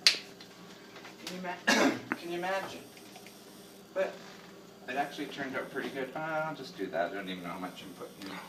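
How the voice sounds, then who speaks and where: A man's voice: medium pitch, expressive, a little fast, long pauses. Rambling man cooking, distant echoey mic. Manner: rambling, self-deprecating, laughs often. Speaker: home cooking vlogger. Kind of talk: casual chatty cooking vlog. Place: home kitchen. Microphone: camera across the kitchen. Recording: echoey kitchen, distant camera mic, background noise.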